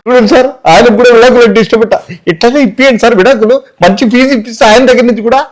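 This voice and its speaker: A man's voice: very high voice, fairly even intonation, racing, poor audio. A man playing an exasperated complaining neighbor. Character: sleepless complaining male neighbor.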